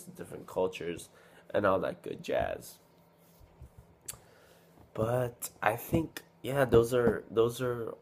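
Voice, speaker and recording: A man's voice: low-pitched, creaky, darkish tone. A man talking casually to camera about a comic he loves, rambling with many fillers and restarts, a little sick. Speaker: vlogger reviewing a manga. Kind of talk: casual unscripted talk to camera.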